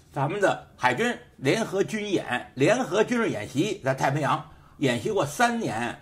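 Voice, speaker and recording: A man who hosts a show and teaches sociology, giving an emphatic, repetitive political commentary full of rhetorical questions in a studio. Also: fairly high pitch. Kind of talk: casual political commentary monologue.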